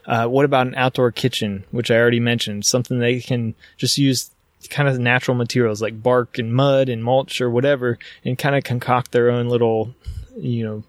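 A man hosting a podcast alone, talking with excitement and rambling a little, with many fillers. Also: medium pitch, brisk, dry recording. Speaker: podcast host. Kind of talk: casual solo podcast talk.

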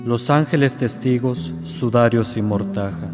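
A man's voice: medium pitch, a little slow. A man reciting liturgical verse as a lector, solemnly and declamatory, phrase by phrase. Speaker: lector reciting the Easter sequence. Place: large reverberant church. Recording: reverberant hall with plucked guitar. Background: plucked guitar music.

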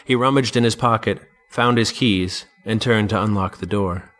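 A man, the podcast's author, narrating his own story in a dry, deadpan manner. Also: lowish voice, normal speed.

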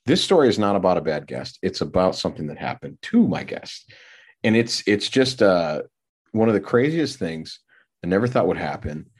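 A man's voice: low-pitched, husky. A middle-aged man from Minneapolis, co-hosting a podcast and telling a long, rambling story with many fillers and restarts. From Minneapolis area. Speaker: podcast co-host. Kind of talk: casual storytelling.

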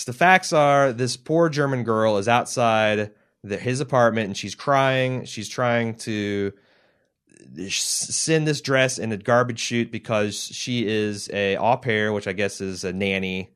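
A man's voice: mid-range voice, a little slow, fairly bright tone, smooth. A man co-hosting a podcast, reading listener mail and retelling a TV scene in casual, conversational chat. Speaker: podcast co-host.

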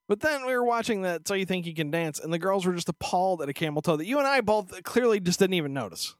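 An irreverent man chats as a podcast co-host. His voice sits a little high and swings in pitch a lot, recorded dry with no room sound. He jokes crudely and likes to act out imagined quotes. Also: expressive, quick pace, no echo. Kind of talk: casual comedic chat.

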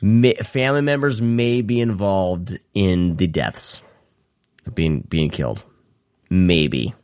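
A man's voice: deep voice, slow, a little mellow, clear, resonant tone, no echo, clean studio sound. A man co-hosting a horror movie podcast over a call, laid-back and joking, swearing casually. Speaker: podcast co-host. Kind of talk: casual chat. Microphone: remote call.

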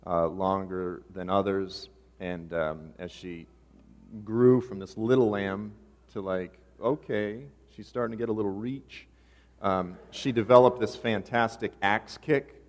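Pastor with a low voice in a reverberant church. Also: male voice, steady tone, a little slow. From Boston area. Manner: casual, joking asides. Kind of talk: sermon. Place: church sanctuary.

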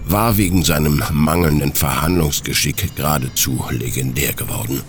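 A man narrating an audiobook story with expressive, scripted storytelling. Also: extremely low pitch, normal speed, background noise.

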